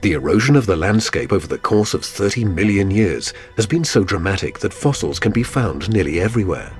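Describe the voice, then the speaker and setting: A man narrates a documentary in a low voice with lively, swooping intonation. His scripted delivery is dramatic, set over light background music. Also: a little fast.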